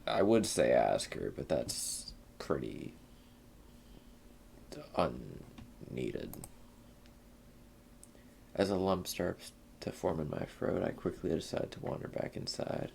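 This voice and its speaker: A man's voice: very deep voice, sing-song, slow pace, gravelly, long pauses, darkish tone, a little hiss or hum. A young man hosting a gaming channel, reading a visual novel aloud in a laid-back way and muttering casual asides between lines.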